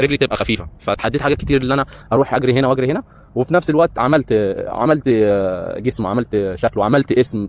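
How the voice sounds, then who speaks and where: This man's voice is medium in pitch and a little mellow. In his thirties and with an Egyptian Arabic accent, the breakdancer and hotel entertainer tells his life story in a casual, rambling way, leaning on many hesitant fillers.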